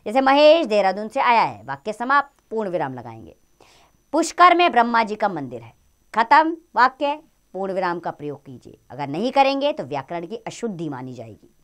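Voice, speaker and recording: A woman teaching children a grammar lesson, speaking in an expressive, explaining tone. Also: moderate pace. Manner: expressive, rises and falls in pitch.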